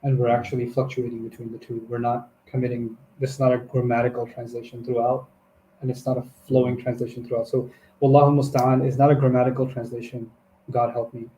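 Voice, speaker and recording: A man's voice: medium pitch, little pitch movement, fast, warm tone, echoey room, a little hiss or hum, rough recording. A man talking through translation choices in a casual scholarly discussion, thoughtful and explanatory, often correcting himself mid-sentence.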